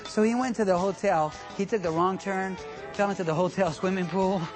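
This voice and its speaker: Guy teaching traffic school, jokey and laughing a lot, kinda high voice, music under it. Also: steady tone, fairly quick. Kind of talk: joking classroom lecture.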